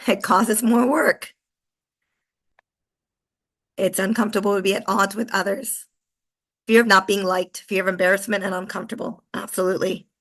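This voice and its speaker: A woman in her forties, hoarse and coarse-voiced from illness, giving an upbeat, chatty online presentation over a video call with lots of fillers. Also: medium pitch, a bit bright. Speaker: webinar presenter.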